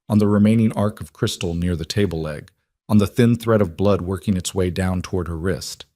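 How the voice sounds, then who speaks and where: Man, low voice, scripted story narration, measured grave delivery, dry close sound. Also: darkish tone, dry recording.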